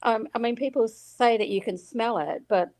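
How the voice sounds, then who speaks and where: A woman's voice: on the high side, normal speed, darkish tone. Friendly New Zealand woman. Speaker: podcast guest. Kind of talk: casual chat.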